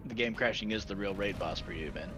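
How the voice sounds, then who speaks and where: A man's voice: fairly low pitch, quick pace, background noise. A man streaming a video game who chats casually with a friend, joking, laughing and swearing. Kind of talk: casual gaming chat.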